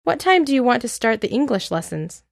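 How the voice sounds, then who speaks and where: A woman reading an English lesson aloud, with clear, deliberate drill phrases and an American accent. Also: fairly high pitch, very animated, no room sound, clean studio sound. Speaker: English teacher. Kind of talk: slow scripted lesson reading.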